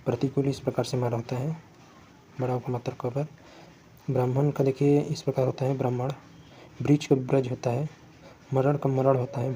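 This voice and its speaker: Going through Hindi spelling one word at a time for exam prep, a man explains repetitively and often stops to correct himself. He has a mellow mid-range voice, and a little background noise can be heard.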